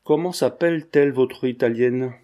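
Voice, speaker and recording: A man's voice: medium pitch, normal speed, dark tone, close to an everyday voice. A man voicing a brash, joking male painter who talks in teasing, slangy banter.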